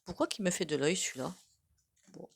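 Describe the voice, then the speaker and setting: A woman's voice: on the low side, lively intonation, a little fast, gravelly, noisy background. A woman with a regional French accent giving a casual, rambling tarot reading, full of hesitations and asides. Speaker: tarot card reader.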